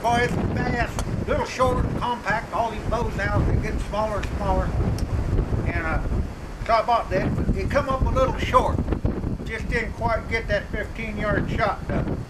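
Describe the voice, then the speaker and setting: Middle-aged man, high-pitched rural drawl, deadpan comic monologue, outdoor mic with wind noise. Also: normal speed. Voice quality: slightly hoarse. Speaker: comedic hunting show host.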